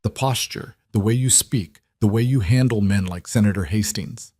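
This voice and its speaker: A man's voice: on the low side, moderate pace, a little mellow, husky, no room sound, studio quality. A man doing a cold, menacing society woman. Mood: probing. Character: suspicious, threatening young society woman.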